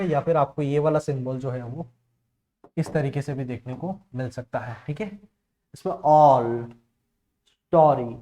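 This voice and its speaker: A man teaching phonetics, reading out example words louder and checking whether students understand. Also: on the high side. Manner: reads word lists aloud, louder on example words; asks "clear?" and says "okay" often. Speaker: English teacher. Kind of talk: phonetics lesson.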